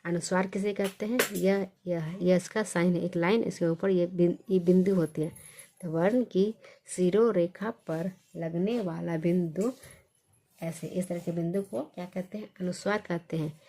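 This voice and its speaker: Lowish-voiced woman teaching basic reading, asks stuff then answers it herself. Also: steady tone, warm tone. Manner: asks questions and answers them herself, repeats sounds slowly. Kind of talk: basic Hindi reading lesson.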